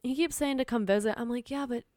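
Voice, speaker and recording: A young Minnesota woman with a slight Minnesotan accent chats casually as a podcast guest, speaking fast in a fairly high voice. She tells stories animatedly, acting out quotes and laughing often. The studio-quality recording has no echo.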